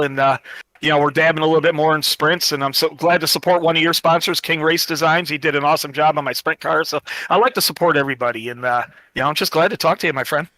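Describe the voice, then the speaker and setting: A man's voice: fairly high pitch, bright, forceful tone, dry recording. A man giving a post-race interview as the winning driver, rambling and thankful with lots of fillers. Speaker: winning sim racing driver.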